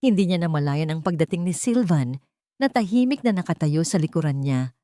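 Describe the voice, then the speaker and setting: A Filipino woman with a low, dark voice performs dramatic scripted story narration, expressive and a little fast. The recording is dry and close, with little room sound and no echo.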